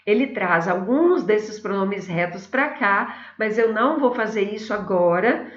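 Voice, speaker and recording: A woman's voice: medium pitch, expressive, a little slow. A middle-aged Brazilian woman teaching a grammar lesson, explaining step by step and speaking straight to her students. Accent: Brazilian Portuguese. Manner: explanatory, addresses students directly. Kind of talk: recorded classroom lesson. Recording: echoey, dull lo-fi room recording.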